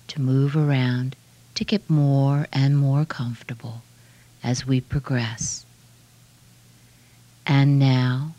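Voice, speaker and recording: A woman guiding a relaxation meditation in a soft, hushed, soothing voice with measured phrases that trail off breathily. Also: a bass voice, no room sound, highs cut off. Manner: slow, measured phrases with long pauses. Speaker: relaxation guide.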